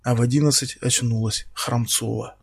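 A man reading a dark crime novel aloud as scripted narration. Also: mid-range voice, steady tone, moderate pace, vocal fry, slightly rough, dry recording, studio quality. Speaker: audiobook narrator.

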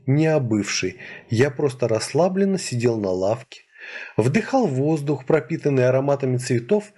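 Male narrator, first-person audiobook, husky, animated intonation. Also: fairly high pitch.

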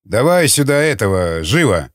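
A man's voice: mid-range voice, sing-song, moderate pace, no room sound, studio quality, natural voice. A man voicing a sly one-eyed male interrogator who mocks and barks his questions. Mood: interrogating. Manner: mocking, barking.

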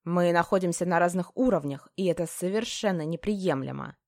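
A woman's voice: lowish voice, a little fast, a little mellow, no echo, clean studio sound, natural voice. A woman voicing a stern, curt male mage. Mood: cold stern. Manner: curt, clipped and cold. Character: stern cold male mage, a strict teacher. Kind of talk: audiobook character voice.

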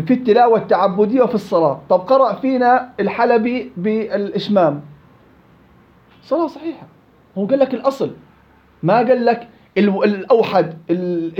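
Man, recitation teacher, fast, high-pitched, muffled lo-fi classroom recording. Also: a little mellow. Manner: explains by repeating and contrasting rules. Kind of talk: classroom tajweed lesson. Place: classroom with students.

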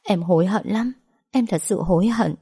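A woman's voice: mid-range voice, moderate pace, dark tone, slightly rough, no room sound, clean studio sound. A woman voicing a young wife who pleads through choked tears. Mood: tearful pleading.

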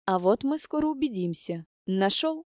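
A woman voicing a brisk, sarcastic young woman who bosses her friends around. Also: medium pitch, expressive, a little mellow, no room sound, clean studio sound, lightly acted. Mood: bossy. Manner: sarcastic, bossy.

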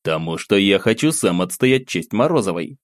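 A man reads a young student friend in an audiobook, blunt and terse, speaking in short, curt replies. His voice is low and deep, recorded close and dry. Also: lively intonation, normal speed, no room sound, close to an everyday voice.

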